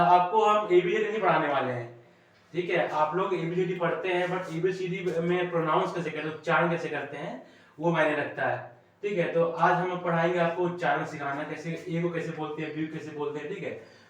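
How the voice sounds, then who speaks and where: A man from India, with a somewhat high voice, runs a classroom lesson, explaining patiently and pausing to check that students follow. He is recorded from a distance in a very echoey room. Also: fairly even intonation, a bit bright. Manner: explanatory, often checks in with "ठीक है?". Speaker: teacher.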